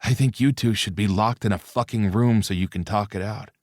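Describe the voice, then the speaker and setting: A man's voice: on the low side, a little fast, darkish tone, dry recording, lightly acted. Brief: man playing a frank, nosy younger guy, plain and dry. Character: younger man, blunt and meddling.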